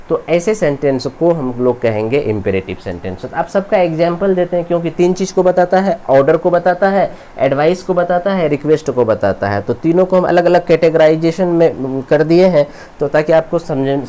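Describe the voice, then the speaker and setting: A man's voice: fairly high pitch, warm tone. A man teaching English grammar in a classroom-style lecture, repeating terms and quizzing his students as he goes. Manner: explains slowly, repeats terms and asks the students questions.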